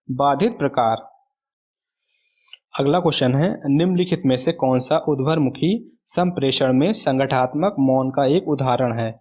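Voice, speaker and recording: A man's voice: on the high side, a little mellow. Man teaching in dull lo-fi audio. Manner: asks rhetorical questions and answers them himself; reads English question text slowly. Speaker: exam tutor. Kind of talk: exam answer walkthrough.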